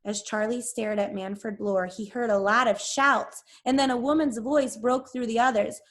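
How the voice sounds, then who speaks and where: A woman's voice: on the high side, fairly even intonation, normal speed. A woman teacher reading a chapter book aloud to her class, then talking to her pupils.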